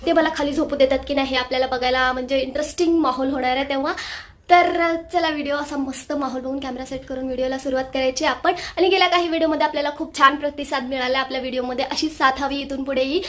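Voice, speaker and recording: A woman's voice: sits high, fairly even intonation, quick pace, fairly bright tone. A woman hosting her own prank vlog, chatting casually to viewers and snapping sulkily at her husband in their bedroom at night. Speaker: prank video host. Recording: echoey room, mic set at a distance.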